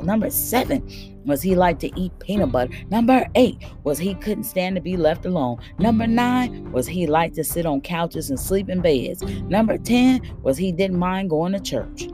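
Woman audiobook reader, low, mellow, steady narration. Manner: steady, plain storytelling. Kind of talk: children's novel narration.

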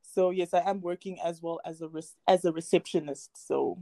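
A woman's voice: fairly low pitch, brisk, no echo. A young woman, a dancer and poet, chatting cheerfully as an interview guest. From South Africa. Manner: cheerful, giggly, relaxed. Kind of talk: casual interview chat.

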